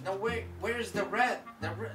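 A man who is a magician, chatting casually and excitably as he tries to learn a card trick, swearing and exclaiming when it goes wrong. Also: high voice, normal speed, far from the mic. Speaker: magician and video host. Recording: roomy sound from away from the mic, loud music behind. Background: loud music.

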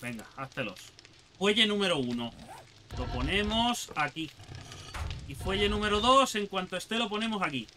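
A young man with a Spain Spanish accent giving excitable let's play commentary, talking to himself and the game and swearing casually. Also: high voice, normal speed, a little hiss or hum. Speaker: gaming channel host.

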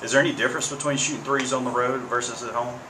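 Fast-talking male reporter. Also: mid-range voice. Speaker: sports reporter. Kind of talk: press conference questions. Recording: steady air-conditioning hum.

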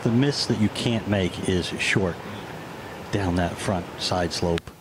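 A man's voice: low-pitched, takes it slowly. A man working as a golf commentator and analyst, talking through shots in an instructive way. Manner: instructive, reads slopes and shots. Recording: noisy outdoor broadcast ambience.

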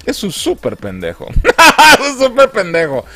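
A man's voice: high-pitched, wildly swooping pitch, unhurried, creaky, bright, forceful tone, faint music behind. A man with a Mexican accent reviewing a film in a comedic way, mocking, exasperated and crude. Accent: Mexican Spanish.

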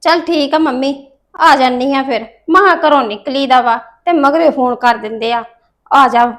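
A woman's voice: high voice, a little fast, lightly acted. A woman playing a reluctant, put-upon young daughter-in-law in a family drama. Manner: protesting. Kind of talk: dramatic phone dialogue in a family serial.

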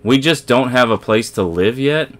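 Playing through a game on a let's play, this man chats casually with his audience, wandering off topic and fixing his own words along the way. He has a medium-pitched, fairly bright voice with lively intonation and speaks at a normal speed.

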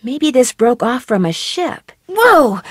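An actress gives a heavily acted performance as a curious, upbeat young female detective, the protagonist of a video game. Her high, very animated voice chirps out quick remarks to herself, recorded with studio quality and no room sound.

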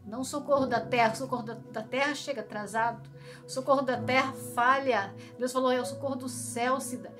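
A woman's voice: high-pitched, fairly even intonation, brisk. A Brazilian woman preaching a prophetic sermon with fervent, repetitive phrasing that rises into pleading prayer, with music playing behind. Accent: Brazilian Portuguese.

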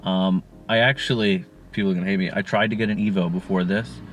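A man in his twenties, from Connecticut, chatting casually in a parked car, relaxed and rambling with plenty of fillers. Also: low voice, fast. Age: 20s. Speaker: co-host. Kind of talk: casual Q&A chat. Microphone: camera on the dashboard.

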